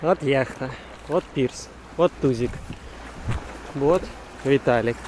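A man's voice: mid-range voice, slow pace. A man giving casual, playful running commentary outdoors while filming, picked up by a camera microphone. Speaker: sailing vlogger. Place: outdoors, mostly on a sailing boat deck. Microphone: handheld camera microphone. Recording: loud wind and boat engine noise. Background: wind, water and boat noise.

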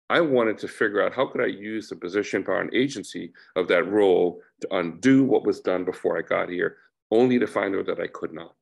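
A middle-aged man speaks on a panel over a webcam, his voice lowish and gravelly. He explains in an earnest, deliberate way, building his points step by step. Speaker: panelist, former town board member. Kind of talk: panel discussion over video call. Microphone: video call webcam.

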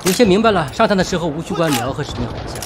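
A man's voice: on the high side, animated, very fast, very noisy. A man doing playfully boastful gameplay commentary, talking to himself as he plays. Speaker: gaming video host. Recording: game gunfire over the voice. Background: loud gunfire and clicks from a shooter game.

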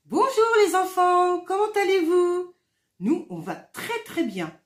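A woman hosting a children's puppet show, speaking gently and directly to the children. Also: extremely high pitch, huge pitch swings, slow, soft background music. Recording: roomy echo.

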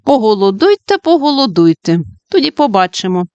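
A stingy, scolding old witch from a fairy-tale audiobook, played by a woman narrator. Her voice jumps high and shrill as she taunts and threatens. The recording is dry and close. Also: big pitch swings, brisk, darkish tone, no room sound, lo-fi sound.

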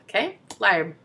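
A young woman with a bright, sharp tone chats through a video game with her co-host. Her pitch jumps around lively as she jokes, giggles and reads the on-screen text aloud. It is relaxed, casual let's-play talk. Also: creaky, a little hiss or hum. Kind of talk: casual gameplay chat.

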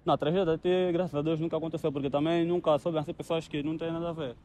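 A man's voice: fairly high pitch, little pitch movement, racing, mellow. A young man with an Angolan accent explaining things casually and repetitively as he is interviewed outdoors. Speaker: caretaker being interviewed. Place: outdoors on a rooftop above the city. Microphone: handheld mic held by interviewer. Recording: open-air handheld with background noise.

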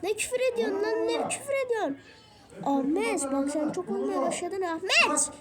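A woman's voice: sits high, moderate pace, over a noisy crowd, close to an everyday voice. A young woman voicing a short-tempered male teacher who swears and threatens the class. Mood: angry.

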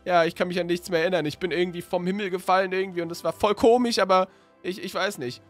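A man with a fairly high voice plays himself in a Minecraft story. He talks in loose, slangy chat and often sounds confused, stopping and restarting his sentences. Soft music plays quietly behind him. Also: fairly even intonation, quick pace. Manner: slangy and casual, often asking what is going on. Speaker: YouTuber playing his own character in a Minecraft story. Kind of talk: role-played Minecraft story with casual chat.

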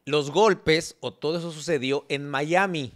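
A man's voice: a little high, unhurried, fairly bright tone. A man, hosting a gossip show, who lays out his point step by step and keeps checking that others understand. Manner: explanatory, insists on being understood. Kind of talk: entertainment gossip talk.

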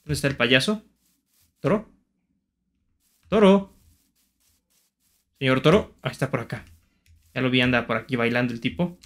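A young man giving excitable, playfully taunting commentary while playing a survival game. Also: medium pitch, moderate pace, long pauses. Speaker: gaming YouTuber. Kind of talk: Minecraft gameplay commentary.

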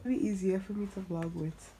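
A woman's voice: medium pitch, steady tone, moderate pace, dark tone, slight background noise, low-quality recording. A woman vlogging casually from a relative's home, rambling with lots of fillers and laughing easily, her phone on a monopod a little away from her. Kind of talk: casual vlog chat. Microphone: phone on a monopod held a bit away.

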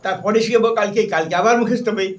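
High-voiced Bengali man teaching keyboard. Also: very fast, far from the mic, dull audio. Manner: firm, repetitive, stern reminders to students; names and sings note syllables while playing. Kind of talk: music lesson. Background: keyboard playing.

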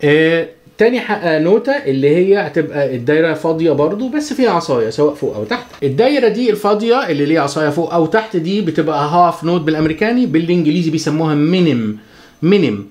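A man with an Egyptian Arabic accent giving a chatty, joking guitar lesson, counting the beats out loud. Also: a little high, expressive, very fast. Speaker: guitar teacher. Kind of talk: casual spoken music lesson.

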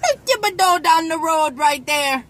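A woman hamming up a folksy Cajun local with a thick, exaggerated Louisiana accent. The delivery is high, theatrical and sing-song, swooping widely, with some noise inside a vehicle. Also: expressive, a little slow, fairly bright tone, distant mic, full character voice. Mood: playful, emphatic. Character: exaggerated folksy Cajun character teaching catchphrases.

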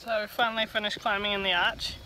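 A woman's voice: medium pitch, level tone, quick pace, over loud music, rough recording. A young woman in her twenties chatting wryly to a phone held at arm's length while touring outdoors in a river gorge. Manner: chatty, wry asides. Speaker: travel vlogger. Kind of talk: casual travel vlog to camera. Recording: outdoor noise behind voice.

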